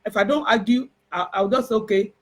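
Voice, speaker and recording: A woman with a Nigerian Yoruba accent telling a personal spiritual testimony in an emotional, halting way, full of restarts and fillers. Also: fairly low pitch. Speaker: spiritual herbalist.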